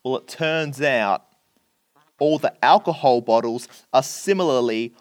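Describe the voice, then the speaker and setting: A man's voice: medium pitch, a little slow, clear, resonant tone, dry recording. A man, chatting on a podcast and retelling a film plot, acting out the characters' lines. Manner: animated storyteller, acts out characters' lines.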